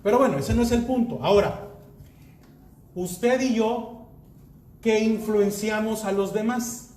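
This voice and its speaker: A man's voice: high-pitched, measured pace, darkish tone, echoey room. A man pastor preaching a sermon, reading verses aloud and asking the congregation rhetorical questions.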